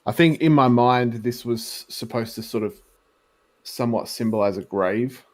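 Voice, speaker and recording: A man's voice: mid-range voice, moderate pace. Hesitant man rambling casually. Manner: rambling, hesitant, full of likes and ums. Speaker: live artist co-host. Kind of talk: casual livestream chat.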